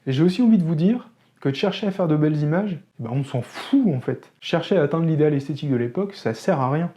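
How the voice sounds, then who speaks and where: A man's voice: a little high, animated, fast, mellow. A man hosting a photography channel, talking casually to camera in an opinionated way with wry joking asides.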